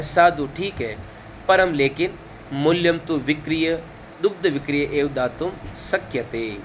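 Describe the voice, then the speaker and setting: A man's voice: on the high side, a little hiss or hum. A man teaching a lesson, reading each phrase and then explaining it line by line. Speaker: Sanskrit teacher.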